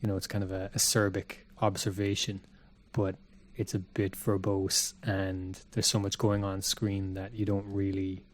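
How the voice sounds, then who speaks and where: A man on a podcast, giving an articulate, critical opinion in casual chat and pausing to choose his words. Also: low-pitched, completely flat delivery. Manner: articulate, critical, pauses mid-thought.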